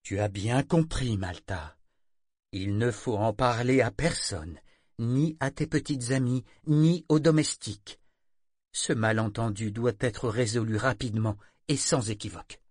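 A stern old grandmother, as a man reads her in a storybook, speaking gravely and without hurry. Her voice sits low and steady, firm rather than loud. The sound is dry and close, with no room around it. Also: dry recording, natural voice. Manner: grave, deliberate.

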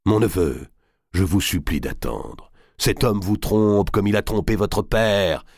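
A man's voice: low-pitched, unhurried, darkish tone, dry recording, studio quality. A man reading aloud and voicing a scheming middle-aged royal uncle, blustering and pleading. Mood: alarmed.

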